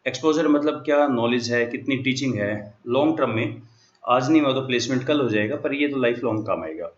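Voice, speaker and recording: A man's voice: mid-range voice, a little fast. Man explaining step by step in an echoey room. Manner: explains step by step, mixing English terms into Hindi. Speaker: lecturer. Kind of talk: classroom lecture. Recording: echoey room, dull lo-fi sound.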